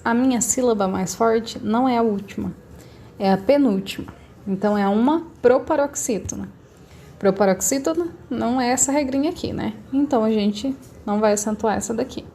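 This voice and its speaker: A woman with a Brazilian Portuguese accent teaching a recorded remote lesson, patiently saying each word slowly to show the stressed syllable. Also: on the high side, mellow, a little hiss or hum.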